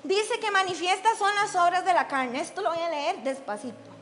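A woman's voice: very high voice, normal speed, a bit bright, long reverb tail, slight background noise. A woman preaching a sermon as the church's lay leader, blunt and teasing, firing questions at the congregation. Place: church hall.

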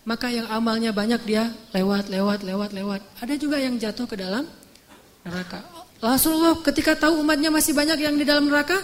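A woman's voice: a little high, fairly even intonation, fast talker. A woman preaching an emotional religious sermon, retelling scenes in casual, repetitive phrasing.

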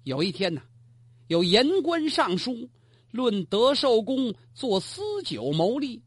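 A man telling a historical tale in traditional storytelling style, animated with chatty asides to the listener. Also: extremely high pitch, slow pace, husky, dry recording, studio quality.

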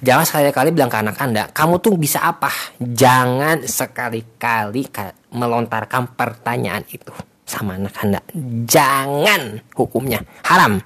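A man's voice: medium pitch, moderate pace. A young man with a Jakarta accent giving casual parenting advice, slipping English phrases into slangy speech and repeating points for emphasis. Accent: Jakarta Indonesian. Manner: lively, lecturing, repeats himself for emphasis. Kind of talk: casual monologue to viewers.

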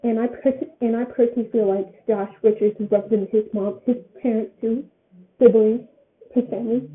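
A woman's voice: fairly high pitch, fairly even intonation, brisk. An eighteen-year-old woman giving her opinion in a casual vlog, rambling and often repeating her phrases. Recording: tinny phone-like sound.

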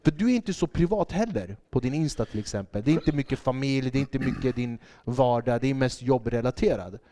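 A man's voice: medium pitch, dark tone. A man hosting a casual podcast chat, joking and asking probing questions. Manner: joking, plays out quotes, asks probing questions. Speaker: podcast host, comedian.

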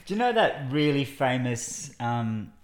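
A woman's voice: a bass voice, sing-song, measured pace. A woman co-hosting a comedy podcast, chatting casually with lots of laughing and teasing. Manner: giggly, teasing. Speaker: podcast co-host. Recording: roomy echo.

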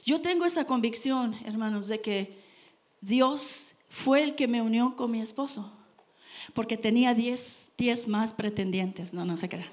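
Woman, high voice, sermon, earnest, emphatic. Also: a little mellow, slight background noise. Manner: earnest, emphatic, addresses congregation as brothers. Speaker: preacher.

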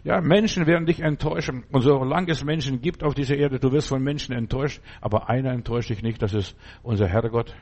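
A man's voice: medium pitch, fast talker, a little mellow. Male preacher, mid-range voice, fervent exhorting sermon delivery, direct address, repetitive commands. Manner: speaks straight to the listener with frequent "ja" fillers.

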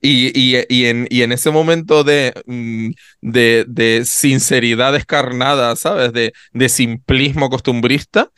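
A man co-hosting a podcast in casual chat, expressive and full of little tag questions. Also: mid-range voice, takes it slowly, hardly any pauses, clear, resonant tone, dry recording, studio quality. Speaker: podcast co-host.

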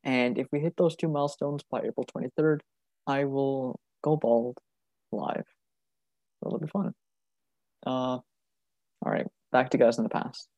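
Mellow easygoing young podcast host. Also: male voice, on the high side, fairly quick, no room sound. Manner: easygoing, announces plans to listeners. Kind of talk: casual podcast chat.

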